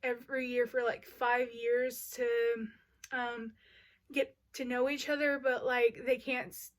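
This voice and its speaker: High, slow-talking gushing young woman. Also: level tone. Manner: gushing, uses y'all and like often. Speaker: book vlogger. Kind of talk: casual book review chat.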